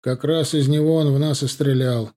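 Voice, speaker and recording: A man's voice: mid-range voice, fairly even intonation, normal speed, warm tone, natural voice. A man voicing a seasoned Russian soldier who talks in an offhand mutter. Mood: wry.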